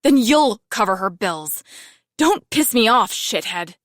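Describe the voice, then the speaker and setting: A man's voice: high voice, lively intonation, normal speed, a bit bright, dry recording, studio quality, pitched above the performer's own voice. A man voicing a fierce, threatening young woman. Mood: furious. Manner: cold, threatening, swearing. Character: fierce young blonde woman, protective and ruthless. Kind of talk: audiobook narration.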